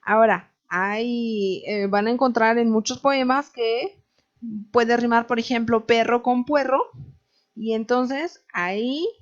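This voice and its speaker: Patient woman teacher, dull lo-fi sound. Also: on the high side. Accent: Mexican Spanish. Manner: patient, explanatory, often asks "¿no?". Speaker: literature teacher. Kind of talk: recorded online class.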